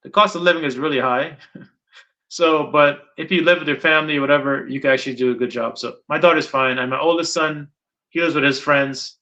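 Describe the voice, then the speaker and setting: Bright-voiced middle-aged man, rambling interviewer. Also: fairly high pitch, steady tone, a little fast. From Guyana. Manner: rambling, repeats points for emphasis. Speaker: interviewer and channel host. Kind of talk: casual interview talk. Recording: dull lo-fi sound.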